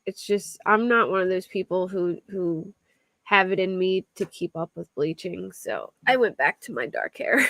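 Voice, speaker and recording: Chatty and quick to laugh, a young true crime livestreamer with a Philadelphia accent reads a crime story aloud and responds to her viewers' chat. She comes from the Philadelphia area. Her mid-range voice has a fairly bright tone, captured in a dry recording.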